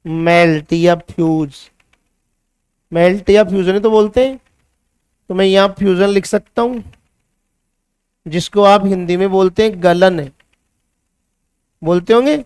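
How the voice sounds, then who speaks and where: A man's voice: sits high, a little slow, long pauses, a little mellow, smooth, no echo, clean studio sound. A male chemistry teacher with a Hindi accent, giving a classroom lecture that mixes English science terms into Hindi and asks his students questions before answering them himself.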